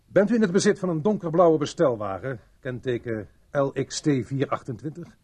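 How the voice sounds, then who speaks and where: An actor dubbing a stern police sergeant who questions in a probing way. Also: male voice, a little high, a little fast, a little mellow, breathy edge. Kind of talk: dubbed film acting.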